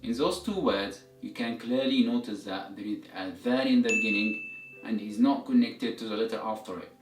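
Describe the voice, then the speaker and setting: A man with a fairly low voice and moderate pace teaches a language lesson step by step, explaining methodically and repeating examples for learners. The recording has a roomy echo, a distant mic and music behind him.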